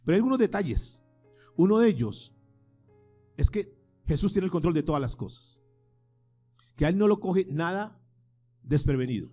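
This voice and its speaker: A man's voice: fairly high pitch, very animated, moderate pace, pauses often, dark tone, faint music behind. A man preaching a sermon as pastor, asking the congregation questions and having them repeat phrases after him. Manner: preaching with rhetorical questions and call-and-response.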